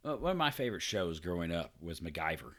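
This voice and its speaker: A man's voice: low voice, big pitch swings, fast talker, fairly bright tone. A man co-hosting a podcast, reading odd news stories aloud and joking with loose, profane asides. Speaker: podcast co-host.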